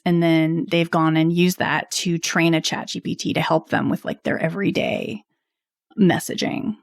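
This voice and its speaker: Casting note: woman guest, lowish voice, dry close recording, reflective, soft laughs. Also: smooth, no room sound. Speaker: copywriter, podcast guest. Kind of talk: casual interview chat. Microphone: video call.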